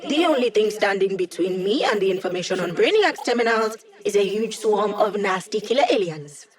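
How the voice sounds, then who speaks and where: A woman's voice: medium pitch, expressive, a little fast, close to an everyday voice. An actress playing an upbeat, wry female hacker who gives a squad mission support in a video game, with playful, teasing, casual delivery. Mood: brisk, focused.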